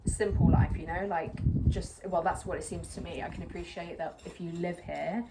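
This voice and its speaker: A young Englishwoman with a fairly low voice talks to the camera at a normal speed, her intonation fairly even, as she repots a plant outside. She's a plant vlogger who rambles self-consciously and fills her speech with fillers. She stands on a patio beside a brick wall on a slightly windy day, and the recording is clear with outdoor noise in the background.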